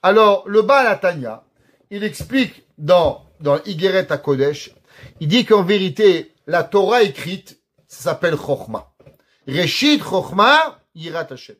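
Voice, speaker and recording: A man's voice: high voice, a bit bright. A man, a rabbi, giving a Torah lesson and weaving Hebrew quotations into his teaching, often asking questions and answering them himself. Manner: mixes Hebrew quotes into his explanation.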